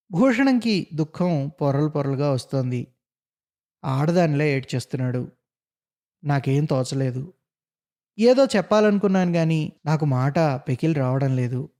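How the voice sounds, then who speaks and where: A man's voice: fairly high pitch, warm tone. A man narrating a short story aloud, acting out the characters' lines with drama. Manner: dramatic storytelling with acted dialogue.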